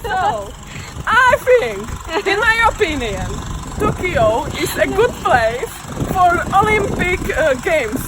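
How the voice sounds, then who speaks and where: A woman answering in slow, simple short phrases. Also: very high-pitched, big pitch swings, over music, low-quality recording. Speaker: interviewee. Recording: outdoors with traffic noise.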